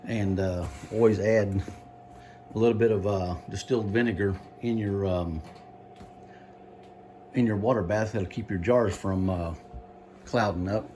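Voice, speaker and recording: Halting, low-voiced man giving a casual cooking demo. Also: fairly even intonation, warm tone, slight background noise. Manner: halting, unhurried, folksy explaining. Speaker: home cook presenting a recipe.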